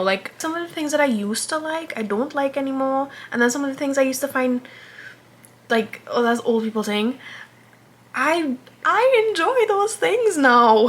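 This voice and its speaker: A vlogger in her twenties chats casually while doing her makeup, rambling, cutting herself off, and sometimes slipping into a whisper. Her voice is high and a bit bright, with a little hiss or hum in the recording.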